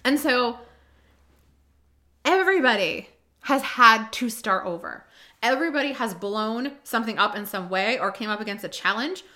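A woman's voice: fairly high pitch, expressive, normal speed, sharp tone. A woman from Rhode Island hosting a podcast, riffing emphatically in a casual monologue with lots of asides. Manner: emphatic, repeats key lines, riffs with many asides. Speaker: podcast host.

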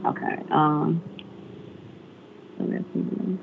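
A woman's voice: fairly low pitch, flat delivery, extremely slow, gravelly. A middle-aged woman heard through a phone line, partly on speakerphone, talking hesitantly as a customer who is unsure with computers. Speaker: customer on a support call. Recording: tinny phone line with faint noise.

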